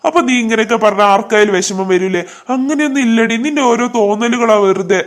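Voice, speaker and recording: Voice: mid-range voice, fast, close to an everyday voice. A voice actor playing a husband in a cartoon, reassuring his wife. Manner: reassuring, dismissive. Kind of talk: cartoon voice acting.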